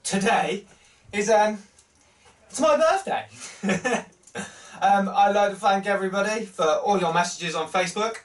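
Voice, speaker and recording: A man in his thirties hosting a casual wrestling news show to camera, upbeat and chatty, with big jumps in pitch for emphasis. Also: measured pace, long pauses. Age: 30s. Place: small wood-panelled room full of wrestling posters. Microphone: webcam close up, then wide desk camera.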